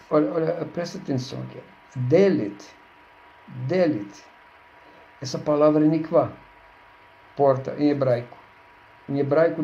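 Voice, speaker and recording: A man's voice: a little high, vocal fry, dark tone, a little hiss or hum. A man teaching a Hebrew grammar lesson, patiently repeating words and checking with his listeners. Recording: dull lo-fi recording.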